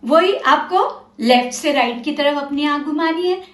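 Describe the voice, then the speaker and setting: A woman teacher giving a children's reading lesson, speaking slowly and deliberately and asking learners questions with pauses to think. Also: high-pitched, fairly bright tone. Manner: slow, deliberate, drawn-out words for young learners. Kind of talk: children's literacy lesson, mixing Hindi and English. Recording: roomy echo.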